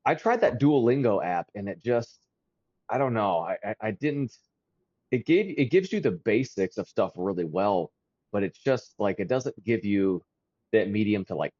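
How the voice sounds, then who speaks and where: Podcast co-host, man in his thirties, low voice that swings lively, dry dull lo-fi sound. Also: normal speed, breathy edge, no echo. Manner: animated, laughs often, stumbling restarts. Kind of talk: casual chat.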